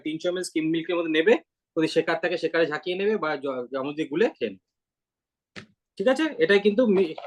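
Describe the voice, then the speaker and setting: A host explaining products in a brisk, instructive, casual way. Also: medium pitch.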